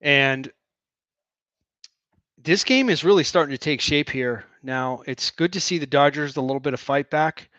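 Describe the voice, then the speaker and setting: Brief: irreverent man doing excitable fan play-by-play, dull lo-fi sound. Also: on the high side, moderate pace, no echo. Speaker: host of a fan watch-along broadcast. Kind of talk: joking play-by-play commentary.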